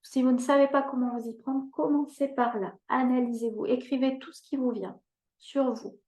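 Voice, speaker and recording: Earnest higher-voiced woman in her fifties. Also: warm tone, reverberant. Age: 50s. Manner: earnest, repeats and stresses key words; addresses listeners directly with frequent "hein?". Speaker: life coach. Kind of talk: live masterclass talk.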